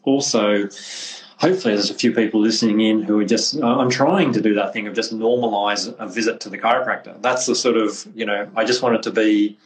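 A man's voice: on the low side, steady tone, fairly quick, rough recording. Rambling friendly man hosting a podcast. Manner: friendly, rambling, stumbles and restarts. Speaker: podcast host, clinic representative. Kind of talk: casual podcast chat.

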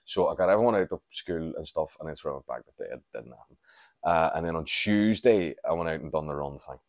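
A man's voice: very deep voice, lively intonation, brisk, creaky, no echo, studio quality. A man, chatting casually and candidly as a podcast host, rambling and swearing freely. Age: 40s. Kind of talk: casual solo chat.

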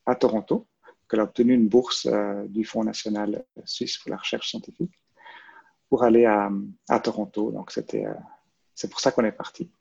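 A man's voice: fairly low pitch, lively intonation, moderate pace, vocal fry, darkish tone, breathy edge. A man in his forties with a Swiss French accent from Vaud, answering interview questions hesitantly with many fillers and restarts. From Switzerland. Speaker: guest, librarian and photographer. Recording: muffled, lo-fi.

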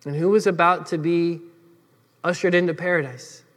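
A man preaching a sermon as pastor, earnest, often dropping to soft emphatic phrases. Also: a little high, steady tone, moderate pace, in a large hall.

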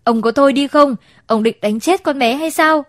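A woman voicing a caring middle-aged stepmother in a storybook narration, who turns shrill and tearful when frightened. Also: steady tone, normal speed, darkish tone, dry recording, clean studio sound, lightly acted. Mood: fierce.

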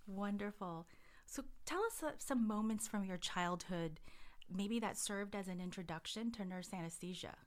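A podcast host with a mid-range voice speaks at a moderate pace. She reads a scripted introduction, then moves into asking her interview questions conversationally.

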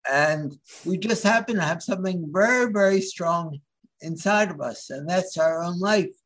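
A man from the Philadelphia area, a guest in an interview, speaking haltingly with many restarts as he searches for words. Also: high-pitched, fairly bright tone. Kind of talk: interview conversation.

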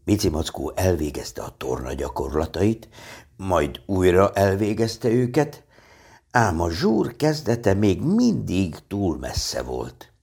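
A man calmly reading a children's storybook aloud. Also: low voice, husky.

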